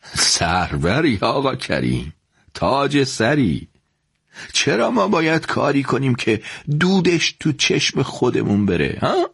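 Brief: man playing a wheedling old market trader, husky, lilting up and down. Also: sits low, wildly swooping pitch, dry recording, studio quality, voice pushed down, exaggerated voice. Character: older male bazaar merchant, smooth-talking rival.

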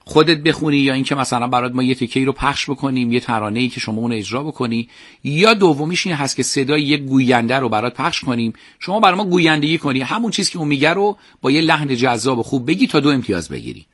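A man's voice: medium pitch, expressive, a bit bright, no echo. A man hosting a radio call-in game show, laying out the rules and patiently steering a caller back on track. His voice sits in a mid register and is recorded close and dry, with no room around it. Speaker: radio quiz host.

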